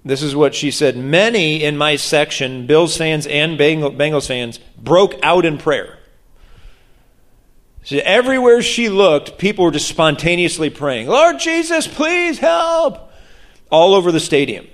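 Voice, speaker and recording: Male preacher, fairly high-pitched, animated storyteller who acts out voices, sermon delivery. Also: a little slow. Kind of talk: sermon on prayer.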